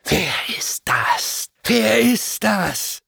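A man voicing a crowd of fallen angel demons at a city gate, hissing and menacing in a drawn-out way. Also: high-pitched, creaky, fairly bright tone, slightly rough, no room sound, clean studio sound, pitched above the performer's own voice, full character voice.

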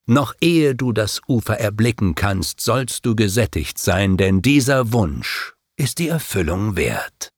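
A man voicing a wise, calm older guide who speaks in a solemn, measured way. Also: on the low side, dry recording, clean studio sound.

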